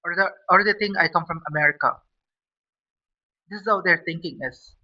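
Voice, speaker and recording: A man's voice: high-pitched, normal speed. A man giving a blunt, profane opinion rant, repeating himself as he talks. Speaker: vlogger. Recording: lo-fi and a bit far from the mic.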